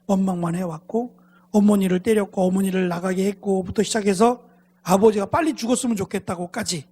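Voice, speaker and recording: Male pastor, dramatic sermon storyteller, husky tone, reverberant sanctuary. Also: sits high. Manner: dramatic, drops to hushed near-whispers. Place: church sanctuary. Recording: long hall reverb.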